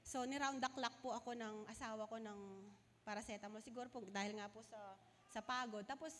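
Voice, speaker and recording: A woman's voice: a little high, fairly even intonation, fairly quick, slight background noise. A woman pastor preaching a sermon, earnestly asking her congregation questions, still recovering from a fever. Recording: long hall reverb.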